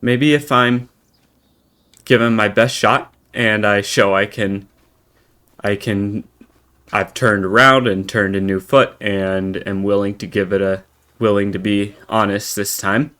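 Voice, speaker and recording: An American man giving in-character roleplay commentary while playing a farming game, halting and rambling with many restarts. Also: on the low side, fairly even intonation, a bit bright, smooth. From United States. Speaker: game roleplayer and channel host.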